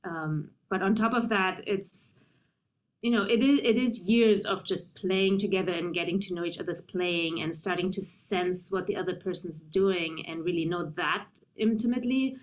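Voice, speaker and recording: A woman pianist in her thirties, from Germany, answering interview questions in a thoughtful, measured way. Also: lowish voice, poor audio. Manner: thoughtful, measured, with frequent um and you know. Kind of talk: conversational interview.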